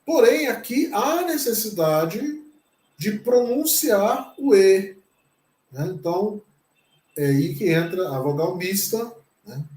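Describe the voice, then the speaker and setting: A man's voice: high voice, expressive, slow pace, a little mellow, reverberant. A Brazilian pastor teaching a Hebrew lesson, patient and careful, repeating each word several times as he explains it. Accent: Brazilian Portuguese. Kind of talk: slow classroom lesson.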